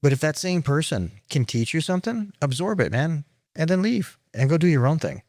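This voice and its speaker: A man hosting an interview, animated and playful, asking probing questions. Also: a little high, brisk, dry recording, studio quality. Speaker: podcast host. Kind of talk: conversational interviewing.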